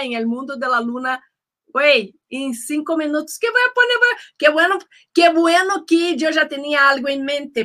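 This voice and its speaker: Bubbly Mexican woman host, high and bright, laughs easily. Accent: Mexican Spanish. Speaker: show host. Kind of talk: casual interview chat.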